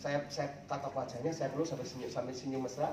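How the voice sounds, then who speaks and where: A man, delivering a lively, joking sermon to a congregation. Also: medium pitch, fast, a loud crowd. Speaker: preacher. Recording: echoey, distant hall mic.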